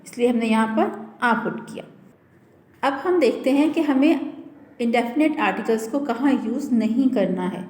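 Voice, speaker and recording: A woman teaching an English grammar lesson to a school class, explaining step by step and repeating example words slowly. She asks questions and answers them herself. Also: a little high, darkish tone, echoey room.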